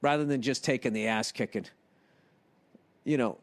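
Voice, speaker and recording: A middle-aged man, hosting a podcast, reading listener emails and riffing on them with profane, animated comedy. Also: mid-range voice, normal speed.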